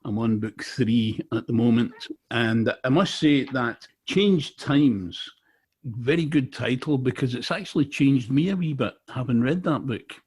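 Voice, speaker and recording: A middle-aged man from Glasgow, Scotland, talks casually as a podcast interviewer in a Glaswegian Scottish accent; he is a native Scots speaker. His voice is medium in pitch, a little slow and a little mellow, with a breathy edge.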